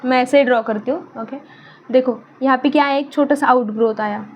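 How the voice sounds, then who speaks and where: A woman's voice: sits high, brisk, dull audio, slight background noise. A young woman teaching a biology lesson in a chatty way, asking questions and answering them herself, and joking about her own drawing. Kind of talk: casual online lesson.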